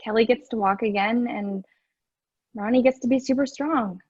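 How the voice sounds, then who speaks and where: A woman's voice: on the high side, moderate pace, darkish tone, husky, no room sound, highs cut off. A woman playing a geeky, candid, wry teenage girl in a play reading.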